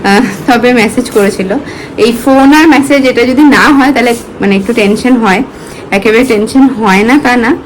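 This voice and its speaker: A woman's voice: a little high, a little fast, a little hiss or hum, low-quality recording. A woman, talking casually through her daily routine in a home vlog. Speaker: vlogger.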